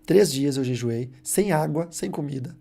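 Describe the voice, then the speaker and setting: A man preaching on a live show, telling a testimony in an animated, emphatic way and acting out the dialogue. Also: on the high side, moderate pace, creaky, faint music behind. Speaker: preacher on deliverance ministry.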